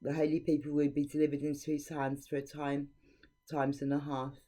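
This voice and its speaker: A woman gives a devotional teaching in a low, mellow monotone, speaking a little fast. She reads scripture aloud informally, earnest and preachy and frank with her opinions.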